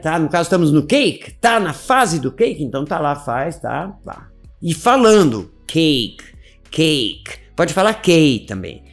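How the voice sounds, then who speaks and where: A man teaching a casual video lesson, animated and repetitive, checking in often with his listeners. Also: on the high side, gravelly. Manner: animated, repeats words, frequent "tá?" check-ins. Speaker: English teacher.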